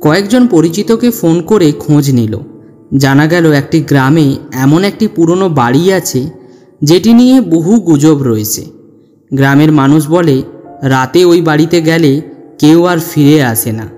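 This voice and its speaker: A man narrates a scripted ghost story with dramatic, suspenseful delivery, his voice a little high, expressive and unhurried, with a dark tone. Music plays underneath, and the sound carries a long hall reverb.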